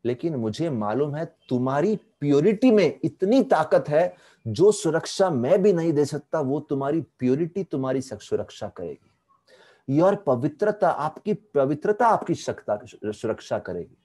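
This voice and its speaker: A man's voice: fairly high pitch, sing-song, unhurried, warm tone. A man voicing a proud, guilt-ridden exiled warrior king who speaks solemnly. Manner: despairing, solemn.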